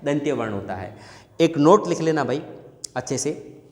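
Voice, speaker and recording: A man's voice: on the high side, expressive, moderate pace, a little hiss or hum. A male teacher giving a classroom lesson, asking questions and then answering them himself. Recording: echoey room with long reverb.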